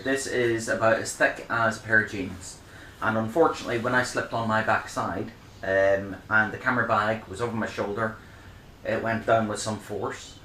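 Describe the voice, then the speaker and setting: A middle-aged vlogger reviews his camera bags in a casual show-and-tell, rambling and chatty with lots of ums. His fairly low voice sounds pushed and bright, and the echoey room recording carries a little hiss or hum.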